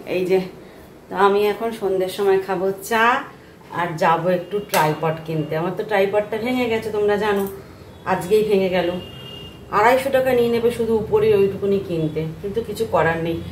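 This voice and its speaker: Soft-spoken woman vlogging in an echoey room. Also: mid-range voice, normal speed. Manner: chatty, grumbles about the household. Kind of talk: casual chat to camera. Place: home. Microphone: phone camera. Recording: echoey room with faint ambient noise.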